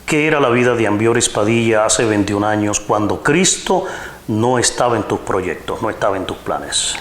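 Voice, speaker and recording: A man's voice: on the low side, lively intonation, normal speed, echoey room. Dominican man hosting a faith interview. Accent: Dominican Spanish. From Dominican Republic. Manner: warm formal greetings, religious phrasing. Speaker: host. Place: radio studio.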